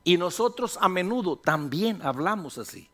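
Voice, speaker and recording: A middle-aged pastor delivers a sermon in a relaxed, conversational way. His voice sits a little high for a man. He acts out the voices in his head and teases his congregation between points. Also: normal speed.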